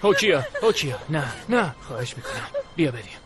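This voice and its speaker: A man playing a police commissioner who keeps pressing, with urgency, for everyone to leave. His voice is slightly raised in pitch, with faint music under it, as in a dubbed television drama. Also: very animated. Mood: urgent. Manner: urgent, insistent. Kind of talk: Persian dub of a TV drama.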